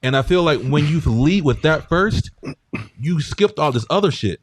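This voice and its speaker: A man's voice: on the high side, lively intonation, normal speed. A man, chatting casually and earnestly, often restarting his point. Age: 40s. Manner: earnest, hedging with repeated "like". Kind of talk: casual chat.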